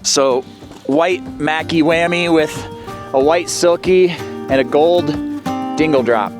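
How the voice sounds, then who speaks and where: A man's voice: a little high, slow pace, music in the background. A man narrating a casual fishing vlog, talking outdoors in the wind. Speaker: fishing vlogger. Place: outdoors on a frozen mountain lake.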